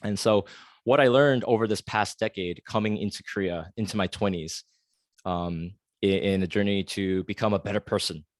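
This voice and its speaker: A man from the United States, in his thirties, talks through a solo podcast monologue at normal speed, his voice on the low side. The recording is dry. His reflective tone is earnest and confessional, full of fillers and restarts.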